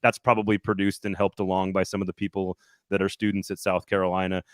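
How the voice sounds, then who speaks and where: A man's voice: low voice, little pitch movement, fast talker, no room sound, clean studio sound. A man hosting a casual sports talk show, rambling and restarting his sentences often. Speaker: sports podcast host reporting on location.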